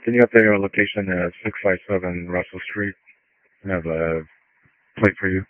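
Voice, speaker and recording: A police officer calling in a licence plate over a two-way radio, in clipped radio procedure phrasing. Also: male voice, low voice, moderate pace, no echo. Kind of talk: terse radio call. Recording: tinny dry radio transmission.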